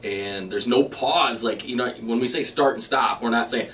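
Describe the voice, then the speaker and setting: A man's voice: medium pitch, moderate pace, fairly bright tone. A man co-presenting a lesson, casually explaining what he demonstrates. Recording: distant mic, faint background noise.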